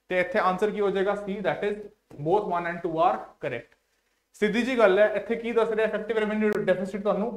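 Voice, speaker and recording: A man's voice: high-pitched, echoey room. A man with a Punjabi accent, an exam coaching teacher explaining multiple-choice questions, mixing in English and answering his own questions.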